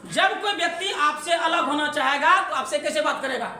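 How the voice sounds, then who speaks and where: A woman's voice: high voice, moderate pace, pushed and bright, echoey room. A woman science teacher, giving an online class in a playful call-and-response way and laughing often.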